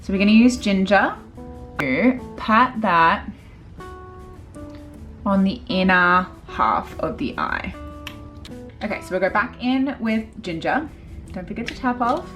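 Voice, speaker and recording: A woman's voice: medium pitch, slow pace, pauses often, faint music behind. A woman, a makeup artist chatting casually through a tutorial with lots of fillers. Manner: chatty, filler-heavy, relaxed.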